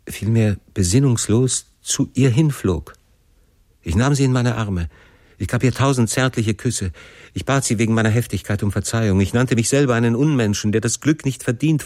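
A man's voice: sits low, a little mellow, no room sound, studio quality. A man reading a classic novel aloud in the first person, with an impassioned, theatrical delivery. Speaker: audiobook narrator.

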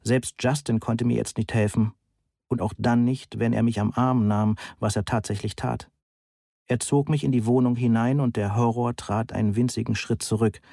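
A man's voice: mid-range voice, steady tone, moderate pace, gravelly, mellow, no echo. A man reading an audiobook in a dry, wry storytelling manner. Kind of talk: audiobook narration.

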